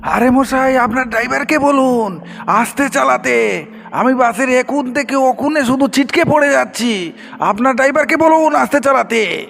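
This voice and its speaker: A man's voice: high voice, very animated, moderate pace. An actor playing a stubborn young male passenger in a horror audio drama, indignant and pleading with the conductor. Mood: panicked. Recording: long reverb with background music.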